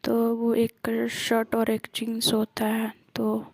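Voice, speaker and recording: A woman casually retelling a love story in a soft, half-whispered voice, pausing often on fillers. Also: a little high, completely flat delivery, vocal fry, dry recording, low-quality recording. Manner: hesitant, many filler pauses.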